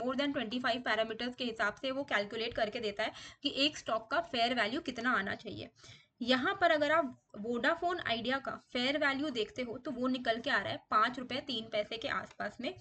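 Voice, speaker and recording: A woman's voice: fairly high pitch, pushed and bright. A woman with an Indian accent walking viewers step by step through a stock research tool, mixing Hindi and English. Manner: explanatory, mixes Hindi and English, guiding step by step. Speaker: stock market YouTuber. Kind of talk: screen-share tutorial walkthrough.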